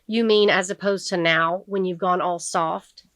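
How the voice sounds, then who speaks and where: A woman's voice: lowish voice, fairly even intonation, measured pace, fairly bright tone, dry recording. A woman voicing a teenage boy on trial who talks in a tired, bitter, guarded way. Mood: weary.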